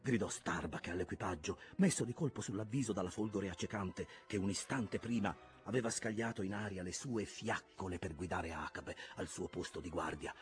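Low-voiced man reading a novel. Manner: calm, measured reading. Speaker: audiobook reader. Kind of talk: scripted narration.

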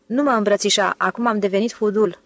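A woman's voice: medium pitch, steady tone, no room sound, lightly acted. A woman voicing a suave, smug male con man who speaks in a lofty, condescending way. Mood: teasing. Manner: lofty, self-assured, condescending.

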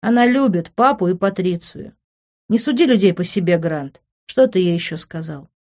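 A reader voicing a spiteful young man who yells and mocks with venom. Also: mid-range voice, animated, moderate pace, muffled recording, close to an everyday voice. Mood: threatening. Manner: venomous, mocking and yelling.

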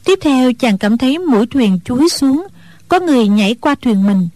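A woman reads a storybook aloud in a steady, even storyteller's manner. Her voice sits a little high and sounds dry and close to the mic. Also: normal speed, no room sound. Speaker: audiobook narrator. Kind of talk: scripted storybook narration.

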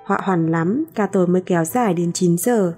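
A woman narrating a novel in the first person in a measured storytelling voice. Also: fairly low pitch, dark tone, faint music behind. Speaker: audiobook narrator.

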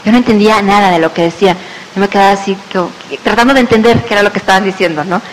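A woman's voice: mid-range voice, very fast. Mexican woman, storyteller type, acts out the voices in her anecdotes; hall echo, faint hiss. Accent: Mexican Spanish. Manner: lively storyteller who acts out quoted voices. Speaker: speaker sharing a business testimony. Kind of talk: personal testimony told to an audience.

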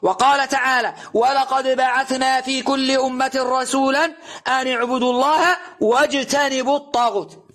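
A man delivers a recorded religious lesson. His voice sits very high for a man and rings bright and forceful. He presses his points with rhetorical questions and emphatic recitation. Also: flat delivery, normal speed. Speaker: preacher.

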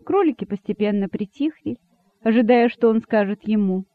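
Man narrating a storybook, high voice, expressive, thin phone-like sound, dry. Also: moderate pace, dry recording. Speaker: audiobook narrator. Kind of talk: scripted narration.

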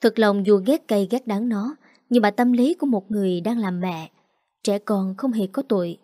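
A woman's voice: medium pitch, moderate pace, dark tone, dry recording. Dramatic woman storyteller. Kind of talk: first-person storytelling narration.

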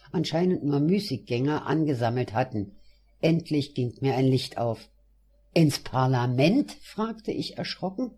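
A man narrating a memoir audiobook in a measured first-person storytelling manner. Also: on the high side, dark tone, husky.

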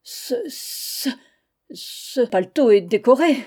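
A woman's voice: high voice, sing-song, takes it slowly, warm tone, voice pushed up, full character voice. A woman doing a stammering, bewildered husband. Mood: agitated. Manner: stammering, agitated. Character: fussy middle-aged male clerk, bewildered.

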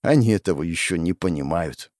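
Male audiobook narrator, dramatic fiction, very lively pitch, dry close sound. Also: fairly quick, dry recording. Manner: expressive storytelling, voicing the characters.

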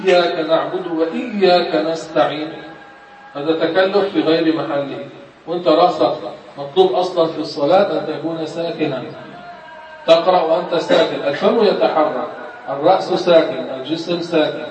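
A man teaching Quran recitation, explaining patiently and sounding out each example slowly. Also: on the high side, fairly even intonation, darkish tone, a little hiss or hum. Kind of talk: classroom instruction. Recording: distant, echoey, muffled room recording.

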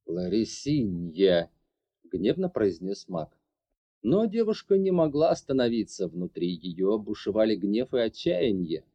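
A man narrating an audiobook in an expressive, dramatic reading. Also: lowish voice, unhurried, no room sound, dull audio.

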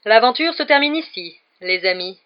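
A reader of a French audiobook voicing a smug, treacherous male wizard teacher who gloats and shouts. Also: medium pitch, lively intonation, brisk, lightly acted. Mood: gloating. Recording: dull lo-fi audio.

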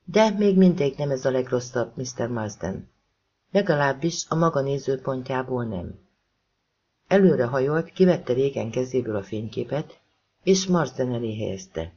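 Husky male audiobook narrator. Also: mid-range voice, lively intonation, a little mellow, muffled recording.

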